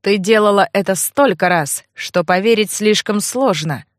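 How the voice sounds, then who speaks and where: A woman voicing a brooding, angry young nobleman who speaks low and clipped in an audiobook. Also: moderate pace, no echo, studio quality, close to an everyday voice. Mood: cold, accusing. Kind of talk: audiobook character voice.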